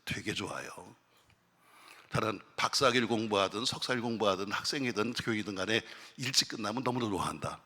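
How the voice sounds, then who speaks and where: A man's voice: lowish voice, fast talker, pushed and bright. A man preaching a sermon as a pastor, talking in a conversational way and asking the congregation questions. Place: prayer retreat chapel. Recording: long hall reverb.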